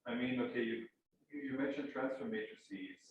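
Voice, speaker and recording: A man's voice: medium pitch, fairly even intonation, normal speed, dull audio. A man pressing a speaker with probing questions from the audience. He sounds far from the mic, in a very echoey room with faint background noise. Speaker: audience member asking questions.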